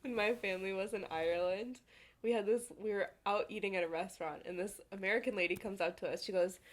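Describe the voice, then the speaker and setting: A young woman with a Minnesotan accent co-hosting a podcast, chatty and quick to giggle. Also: mid-range voice. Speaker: podcast co-host. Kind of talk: casual chat.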